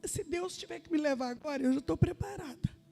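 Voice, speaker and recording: Woman giving church testimony, high gravelly voice, earnest storyteller. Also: a little fast, mellow. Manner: earnest storytelling, quoting others in her own voice. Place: church sanctuary.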